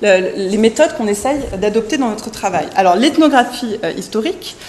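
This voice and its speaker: A woman of middle pitch opens an academic seminar, stumbling through fillers and repeated words as she lays out her plan. She raises her voice so someone joining from afar can follow. The room gives her speech a clear echo. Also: lively intonation, brisk, a little hiss or hum. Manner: hesitant, many fillers and restarts; speaking loudly for a remote listener. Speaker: seminar presenter.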